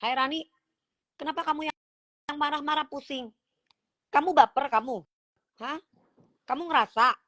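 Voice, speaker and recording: A woman's voice: sits high, fairly even intonation, normal speed, long pauses, a bit bright. A woman, hosting a phone livestream, reading comments aloud and teasing her critics in a sassy, confrontational way. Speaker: livestream host.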